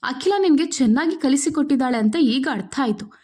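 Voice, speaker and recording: A woman's voice: high voice, expressive, a little fast, a little mellow. A woman voicing a spiteful young sister-in-law who taunts and scolds. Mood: taunting. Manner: reproachful, taunting.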